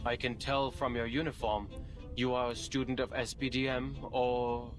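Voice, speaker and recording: A man's voice: mid-range voice, little pitch movement, normal speed, music in the background, natural voice. A man voicing a dry, sarcastic researcher. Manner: dry, mocking. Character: sarcastic, laid-back male researcher. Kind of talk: game voice acting.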